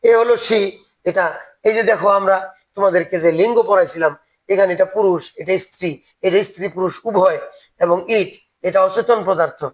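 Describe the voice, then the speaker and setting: A man's voice: sits high, normal speed, poor audio. A man teaching a grammar lesson on video, earnestly urging his students and repeating words for emphasis. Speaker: English teacher.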